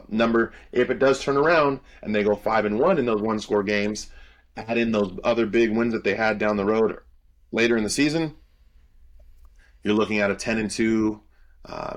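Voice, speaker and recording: A young man co-hosting a sports podcast, breaking down players in loose, confident casual chat full of "um" fillers. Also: on the low side. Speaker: podcast co-host and college football analyst.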